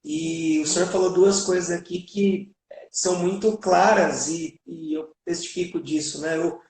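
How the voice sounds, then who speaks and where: A man's voice: high-pitched, fairly even intonation, measured pace, a little mellow. A man hosting a live video chat who speaks in an attentive, affirming way. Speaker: host. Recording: echoey, distant mic.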